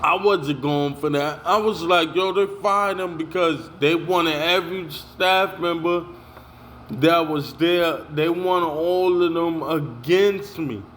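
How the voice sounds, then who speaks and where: A young man rants about getting pushed out of a job, heated and repetitive, using street slang and saying "yo" constantly. His voice is a little high and fairly bright, he talks slowly, and there's a slight hiss or hum in the recording.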